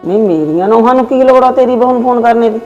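A proud, bossy older mother-in-law, played by a man, with a high voice and rapid-fire delivery. She answers in quick, indignant bursts and defends her household in this family comedy skit. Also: a little mellow, dull audio, soft background music.

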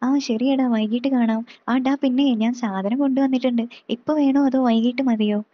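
A woman's voice: a little high, steady tone, moderate pace, muffled recording, natural voice. A woman voicing a cheerful, affectionate young man who teases his little sister fondly. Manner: teasing, fond.

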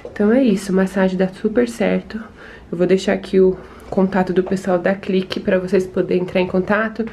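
Young São Paulo woman, casual home vlog, chatty and emotional, slightly gravelly voice. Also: medium pitch, steady tone, fairly quick, a little hiss or hum. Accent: Brazilian Portuguese, São Paulo. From Brazil. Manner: chatty and emotional, often drops to a soft murmur. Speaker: vlogger. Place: home, indoors.

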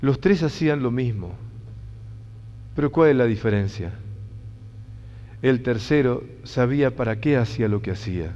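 A man's voice: mid-range voice, expressive, moderate pace, long pauses, dark tone. A man with a Rioplatense Spanish accent giving an inspirational talk to an audience, earnest and emphatic, repeating key phrases. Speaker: motivational speaker. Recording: dull sound, long hall reverb.

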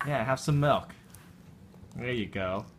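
Very deep-voiced woman coaxing softly. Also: slow, slight background noise. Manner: soft, patient coaxing with short repeated words. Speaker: parent feeding a toddler. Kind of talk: home video chat at the dinner table. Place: home dining table.

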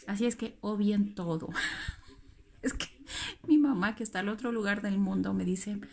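A woman's voice: mid-range voice, normal speed, gravelly, darkish tone. Rambling woman vlogging. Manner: rambling, self-correcting, laughs at herself. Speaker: craft vlogger. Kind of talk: casual vlog chat.

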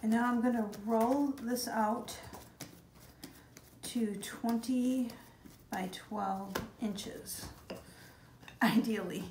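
Her voice fairly high and steady, a woman draws out her words and leaves long pauses as she demonstrates a bake step by step in her home kitchen. She's chatty and encouraging, addressing viewers as "you guys," in a roomy recording with background noise.

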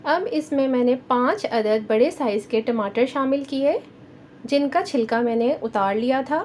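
High-pitched pakistani urdu-accent lady walking you through a recipe, calm and clear, slight hum behind. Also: normal speed. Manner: calm, instructive, addresses viewers directly. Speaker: cooking channel host. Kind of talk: step-by-step recipe voice-over.

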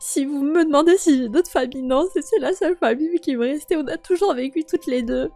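A young woman of eighteen talks in a high voice, stammering and emotional, often muttering to herself. A woman voices her in a game role-play. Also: a little fast, mellow. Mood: anxious. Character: young woman just turned eighteen, anxious and grieving. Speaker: host and role-player.

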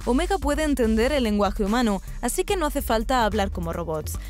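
A woman's voice: on the high side, lively intonation, fairly quick. A woman presenter reading scripted narration for a business news magazine. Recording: music bed behind the voice. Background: background music.

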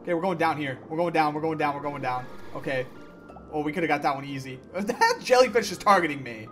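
A young man giving gameplay commentary, ranting and yelling at the game in frustration. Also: a little high, animated, a little fast, soft background music. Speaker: gaming YouTuber.

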